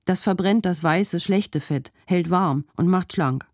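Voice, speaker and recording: A man's voice: sits high, a little slow, darkish tone, no room sound, clean studio sound. A woman reading an earnest man explaining. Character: matter-of-fact adult man relaying health claims.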